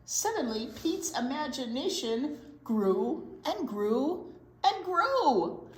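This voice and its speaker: In an echoey, roomy indoor space, a woman gives an animated picture book read-aloud for small children. Her delivery is slow and highly expressive, with drawn-out key words and prompting questions to her young listeners.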